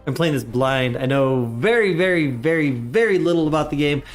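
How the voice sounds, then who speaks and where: A man with a fairly high, lively voice talks fairly quickly while livestreaming a game, sounding slightly congested from a cold. He's a father of young kids, and his casual chatter is upbeat, with frequent greetings to chat.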